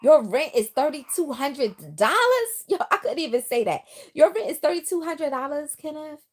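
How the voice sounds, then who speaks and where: A high-pitched voice at a moderate pace comes from a middle-aged woman who grew up in the Bronx and now lives down South, her New York accent picking up some Southern twang. During a casual, lively livestream recorded on her phone, she speaks directly to viewers and reads their comments out loud.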